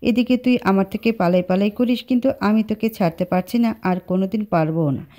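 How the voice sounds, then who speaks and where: A woman voicing an obsessive young man speaking quietly to a sleeping girl in a storybook reading. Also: medium pitch, a little fast, close to an everyday voice. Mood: brooding.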